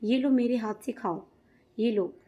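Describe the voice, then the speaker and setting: A woman's voice: a little high, a little slow, highs cut off. A woman storyteller voicing a jealous, scheming young wife who keeps demanding attention, in a Hindi storybook reading. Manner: pushy, demanding.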